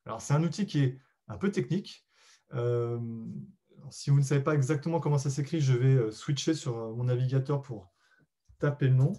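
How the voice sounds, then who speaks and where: A man leads a live online training session in a warm, relaxed voice. He explains things patiently and pauses often to find his words. He speaks politely and directly to his audience. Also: medium pitch. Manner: explains patiently, with frequent hesitations; addresses listeners directly and politely. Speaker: SEO webinar presenter. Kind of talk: live webinar presentation.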